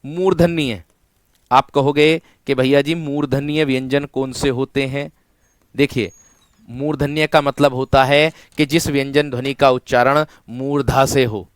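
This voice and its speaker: A man teaches an online exam-prep class with a clear, smooth voice. He repeats every point, keeps asking his students questions and answers them himself, and keeps calling them his friends. The sound is dry, close and free of room echo. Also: medium pitch, fairly even intonation, unhurried. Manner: repetitive call-and-response questioning, addressing students as friend.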